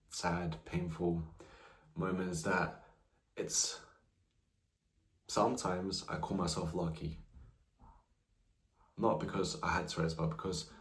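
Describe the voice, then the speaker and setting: Low-pitched and recorded with a roomy sound, this nineteen-year-old man chats to camera about himself. His vlog talk is loose and rambling, stuffed with "you know" fillers.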